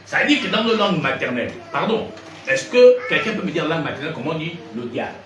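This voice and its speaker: A man from Gabon teaches a sermon to a congregation in a slightly high voice at a quick pace, keeps firing questions, and lively probes his listeners. The noisy recording was made from far off in an echoey room.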